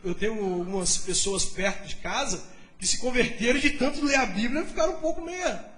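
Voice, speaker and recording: A male pastor telling a testimony in a sermon, telling the story in a lively way and speaking to the congregation. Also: extremely high pitch, normal speed, reverberant.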